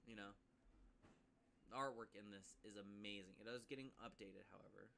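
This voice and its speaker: A man's voice: lowish voice, normal speed, vocal fry, pushed and bright, slight background noise. A man casually reviewing a game class on a live stream, chatty and full of asides to viewers.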